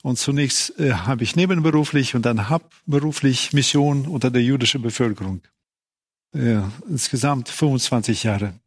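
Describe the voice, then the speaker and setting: A man's voice: medium pitch, normal speed, husky. A retired pastor, a man in his sixties, introducing himself in brief, matter-of-fact statements. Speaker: retired pastor, panel guest. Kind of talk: casual panel talk.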